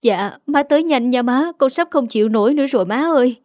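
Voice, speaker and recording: A woman doing a young wife in labor, high strained pleading voice, soft and hurting, close and dry, storybook drama. the voice sits a lot higher than the reader's own. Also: animated, brisk, dry recording. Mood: pained, pleading. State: in pain, weak.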